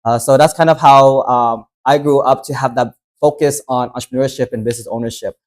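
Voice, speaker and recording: A man who grew up in the United States leads a workshop in a relaxed, talky way. He strings his thoughts together with plenty of "you know" and "uh." His voice sits at an ordinary middle pitch. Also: brisk. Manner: conversational, loose, many fillers. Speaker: workshop host. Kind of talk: casual workshop talk.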